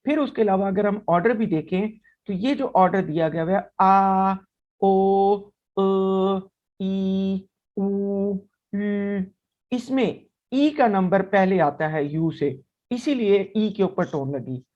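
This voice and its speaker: A male teacher working through a language lesson at an unhurried, deliberate pace. He explains patiently and sounds out each vowel slowly, one after another. The recording is a little dull and lo-fi. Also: sits high, expressive.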